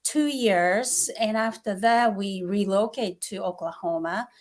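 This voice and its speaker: A woman's voice: medium pitch, a little slow. A woman in her forties from Japan with a Japanese accent, a guest in a casual interview, speaking in a polite, upbeat way. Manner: upbeat, polite, laughs easily.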